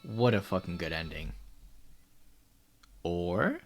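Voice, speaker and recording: Young guy commentating his game, hyped and cussing, kinda low voice, little game music under it. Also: slow pace. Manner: excitable, swears a lot, laughs often. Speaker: gaming YouTuber. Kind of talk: let's play commentary.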